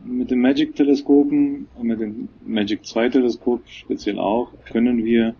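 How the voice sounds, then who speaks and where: Male technical coordinator, hesitant explainer, gravelly voice; low-quality stream, muffled and noisy. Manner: hesitant, many filler sounds, restarts. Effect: low-quality stream with degraded sound. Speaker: technical coordinator of a telescope project. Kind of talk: explanatory interview answers. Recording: dull, lo-fi, noisy remote recording.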